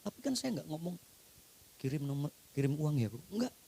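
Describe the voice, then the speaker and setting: A male pastor with an East Javanese accent preaching a sermon to a church congregation. He swings between loud exclamations and hushed whispers and keeps addressing the listeners directly. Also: a little high, sing-song, fairly quick, gravelly, a little hiss or hum. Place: church hall.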